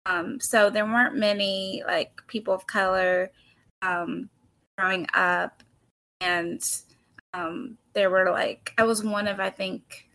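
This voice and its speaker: A woman in her thirties, born in the Philippines, a podcast guest speaking hesitantly with pauses and ums. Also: mid-range voice, fairly even intonation, creaky, a bit bright. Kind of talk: casual chat.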